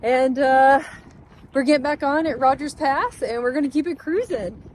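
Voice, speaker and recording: A young long-distance hiker speaks to her vlog camera on an outdoor trail in a high, slightly mellow voice at a moderate pace, with a faint hiss or hum. She gives an earnest, upbeat pep talk in a casual, motivational way.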